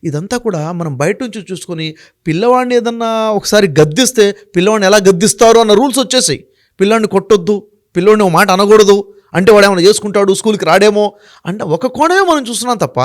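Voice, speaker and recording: A man's voice: sits high, racing. A man speaking as an interview guest, making emphatic points one by one and putting rhetorical questions to the host. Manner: emphatic, works through numbered points. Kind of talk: explaining in a sit-down interview.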